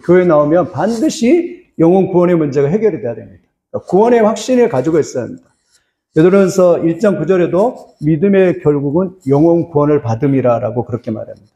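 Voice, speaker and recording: A man's voice: on the high side, lively intonation, quick pace, dark tone, reverberant. A male pastor preaching a sermon, telling a story in an earnest tone and putting questions to the congregation.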